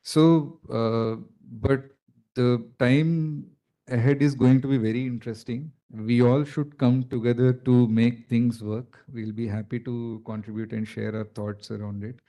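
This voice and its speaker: A man's voice: medium pitch, fairly even intonation, measured pace, dark tone. A man with a South Indian accent speaking as a panelist at a conference, explaining in a conversational way with many "you know" fillers.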